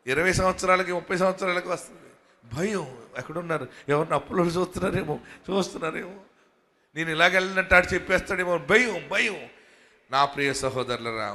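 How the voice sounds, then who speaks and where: A man with a Telugu accent preaching a sermon as a pastor, moving from quiet talk to loud fervent shouting. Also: fairly high pitch. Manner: calls the congregation to say hallelujah. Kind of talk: Telugu sermon with prayer and promises.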